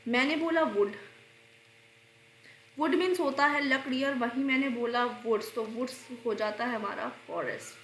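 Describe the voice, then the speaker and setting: A woman teaching grammar for exams, explaining slowly, repeating answers and posing questions she answers herself, coughing and clearing her throat while unwell. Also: a little high, a bit bright, roomy sound, a little hiss or hum. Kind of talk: exam-prep grammar lesson.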